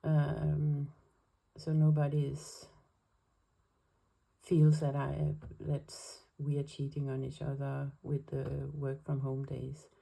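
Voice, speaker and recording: A woman from Denmark, a planner vlogger, talks through setting up her weekly planner in English, her second language, with a Danish accent. Her delivery is low-pitched, monotone, slow, creaky, dark and husky, careful and hesitant with many fillers, on a low-quality recording.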